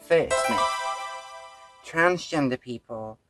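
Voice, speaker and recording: A woman's voice: extremely low pitch, slow, loud music behind the voice. A woman hosting a casual reaction video, talking frankly with plenty of fillers and restarts. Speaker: host.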